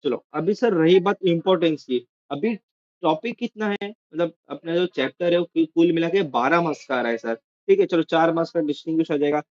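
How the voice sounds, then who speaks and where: A man's voice: a little high, fairly quick, dull audio. A male teacher giving a casual exam-prep lesson, chatty and often checking in with "theek hai".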